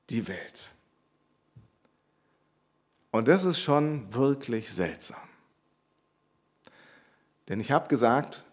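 A man's voice: a little high, a little mellow, slightly rough. A man preaching a sermon, explaining a Bible passage in an earnest, teaching way and repeating key phrases for emphasis.

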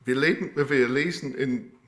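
A man preaching a sermon with a live demonstration, speaking in a halting way with many fillers and restarts. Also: mid-range voice, fairly bright tone. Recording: echoey room.

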